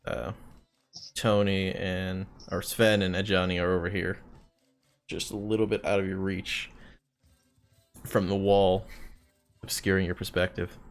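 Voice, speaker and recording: A man's voice: low voice, flat delivery, measured pace, pauses often, soft background music. A man narrating a tabletop game as game master on a live stream, casual, swearing and using filler words.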